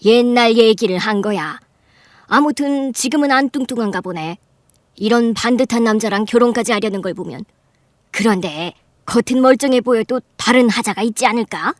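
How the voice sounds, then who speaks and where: A woman playing a shrill, sneering middle-aged aunt. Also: normal speed, no echo, clean studio sound, lightly acted. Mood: mocking. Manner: sneering, loud and incredulous, high-pitched outbursts. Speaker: voice actor. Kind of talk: Korean radio drama acting.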